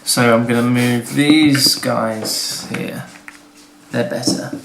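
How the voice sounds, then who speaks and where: A man slowly and wryly plotting his moves aloud in a board game. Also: mid-range voice, steady tone, creaky. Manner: slow, wry, plotting aloud. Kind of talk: casual tabletop play chat. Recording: roomy room with faint noise.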